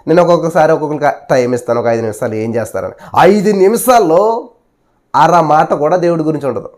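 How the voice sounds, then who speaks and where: A male preacher delivering a sermon, asking the listeners rhetorical questions, repeating "hallelujah", and swinging between loud and hushed delivery. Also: a little high, lively intonation, quick pace.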